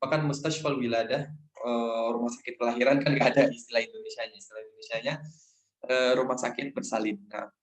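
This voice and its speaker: A man's voice: medium pitch, steady tone, quick pace, low-quality recording. A man teaching an Arabic lesson to a group online, explaining casually and thinking aloud with fillers.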